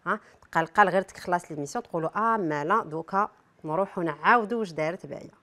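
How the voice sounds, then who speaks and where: A woman's voice: fairly low pitch, racing, bright, forceful tone. A woman with an Algerian accent presenting a cooking demonstration, chatting straight to her viewers with frequent asides.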